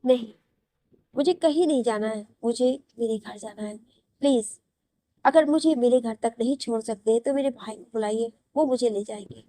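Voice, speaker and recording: A woman puts on a young wife in tears, begging with a desperate, pleading edge. The voice sits fairly high and the sound is close and dry, as in a read-aloud audio story. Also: moderate pace, warm tone, dry recording, natural voice. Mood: pleading, tearful. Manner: pleading and crying.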